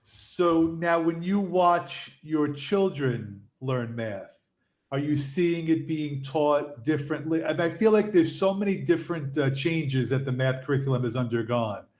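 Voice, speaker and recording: A man co-hosting a podcast, asking long, rambling questions in a relaxed, casual way. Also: a little high, a little slow. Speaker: co-host. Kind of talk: casual interview chat.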